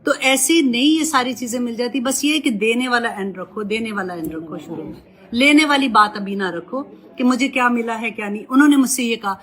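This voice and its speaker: With a slightly high voice and hardly any pauses, a woman Quran teacher shares gentle, motherly religious advice, sprinkling in English words.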